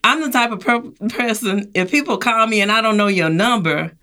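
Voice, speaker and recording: A woman's voice: on the high side, brisk, background noise. A woman telling her own story as an interview guest, acting out the voices of others and laughing as she goes. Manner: acts out quoted voices, laughs while telling. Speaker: guest sharing her experience. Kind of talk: animated personal storytelling.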